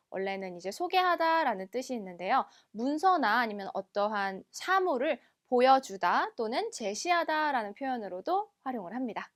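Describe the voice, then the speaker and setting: A woman leads a recorded French lesson in a slightly high voice. She explains things step by step and repeats each new word slowly twice. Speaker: French language teacher.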